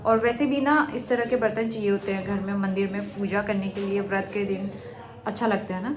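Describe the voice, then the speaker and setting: A woman's voice: mid-range voice, steady tone, brisk, crowd noise. A young woman vlogging from her home, chatting casually to viewers about her day. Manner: warm, homely and talkative, speaking to viewers and her child. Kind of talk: casual chatty vlog narration. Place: at home, indoors.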